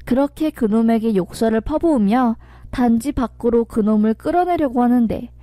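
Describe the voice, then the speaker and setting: A woman's voice: a little high, moderate pace, warm tone, no room sound. A woman reading a dramatic first-person story aloud and acting out the quoted lines, with faint music behind her.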